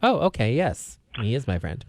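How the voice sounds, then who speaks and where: A male radio host speaks from a studio microphone, close and dry. His pitch moves around a lot, and his dry, teasing manner carries a note of exasperation. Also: wildly swooping pitch, normal speed, no room sound. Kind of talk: casual radio talk.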